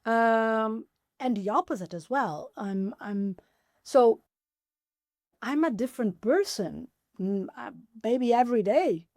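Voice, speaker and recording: Lively woman in her forties, pitch jumping. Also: takes it slowly, no echo, clean studio sound. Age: 40s. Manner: enthusiastic, pitch jumps up when excited; animated, acts out her own inner questions. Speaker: podcast guest, applied philosopher. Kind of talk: conversational interview.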